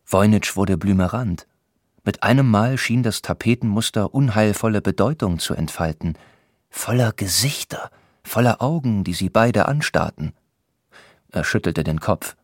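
A man reads a novel aloud in a steady, measured way. His voice is low and deep, and the recording is close and dry with no room sound. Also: dry recording. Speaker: audiobook narrator. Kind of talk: scripted narration of a novel.

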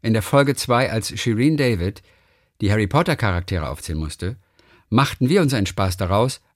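A man's voice: lowish voice, moderate pace, dry recording, clean studio sound. A man hosting a podcast and reading listener messages aloud in a casual chat, telling stories with lots of restarts. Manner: lively, animated storytelling with many restarts. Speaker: podcast host.

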